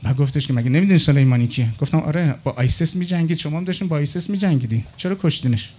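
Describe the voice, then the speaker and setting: A middle-aged man with a fairly high voice tells stories in a loose, casual monologue. He is animated and switches into the other people's lines as he recounts conversations. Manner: animated, acts out dialogue with others in his anecdotes. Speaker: storyteller.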